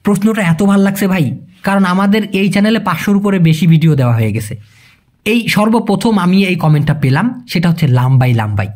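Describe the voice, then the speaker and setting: A man's voice: high-pitched, expressive, a little fast, a little mellow. A man teaching a language in a casual video lesson, patiently explaining and repeating key terms and quizzing his viewers.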